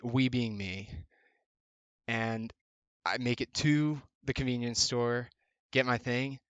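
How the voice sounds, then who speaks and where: A man's voice: medium pitch, a bit bright, dry recording, lo-fi sound. A young man co-hosting a podcast, telling a story in a joking, laid-back way. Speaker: podcast co-host. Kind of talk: casual storytelling.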